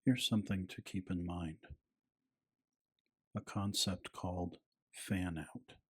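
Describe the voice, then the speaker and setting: A man narrating a scripted bedtime piece in a hushed, soothing, soft-spoken ASMR style with a breathy voice. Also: deep voice, steady tone, slow.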